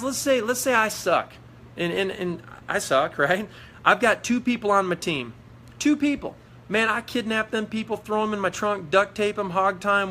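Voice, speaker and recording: A man's voice: high voice, pushed and bright, slight background noise. A man giving a fired-up motivational talk on a live video stream, preachy and repetitive as he urges his team on. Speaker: network marketing leader.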